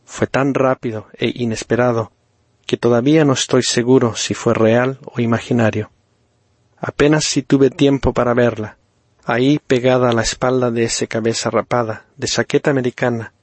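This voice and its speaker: A man from reading a first-person story slowly and deliberately, with dry irony. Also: medium pitch, no echo. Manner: slow, deliberate, ironic storytelling. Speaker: narrator.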